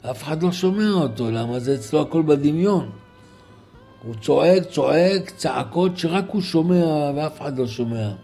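A man telling a religious story as a sermon, dramatic, acting out the characters' shouts. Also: fairly high pitch, expressive, faint music behind. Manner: dramatic, acts out voices and shouts.

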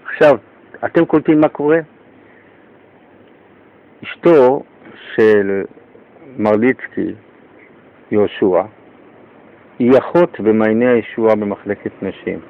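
A male radio host telling a story in a lively, excitable way while he interviews a guest. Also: fairly low pitch, pauses often, highs cut off.

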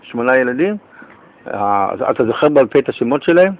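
A male radio host telling a story in a lively, excitable way while he interviews a guest. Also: medium pitch, muffled recording.

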